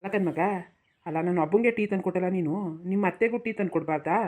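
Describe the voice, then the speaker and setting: A woman voices a weary old village father-in-law in a rural Mysore-region Kannada accent, pleading and placating and repeatedly saying hush in a soothing mood. Her voice is fairly low, natural, and racing.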